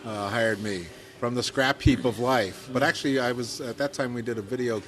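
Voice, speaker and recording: With faint music behind him, a middle-aged Midwestern man co-hosting a podcast recounts his career casually. His mid-range voice is a bit bright, with fairly even intonation and a moderate pace. He peppers the story with fillers and self-deprecating remarks.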